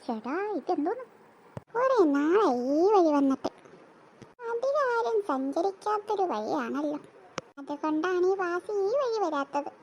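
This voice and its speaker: Voiced by a performer, a jumpy cartoon boy who stammers and rushes his words in a very high, animated voice. A faint hiss runs behind him. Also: highs cut off, exaggerated voice. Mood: scared. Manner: stammering and urgent. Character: jittery young boy Vasu, easily scared.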